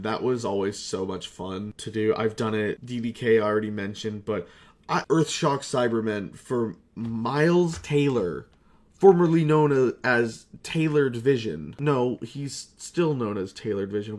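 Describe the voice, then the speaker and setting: A young adult man, an amateur voice actor and video creator, chats casually in a rambling retrospective, putting himself down and swearing freely. His voice is medium in pitch, a little slow and darkish in tone.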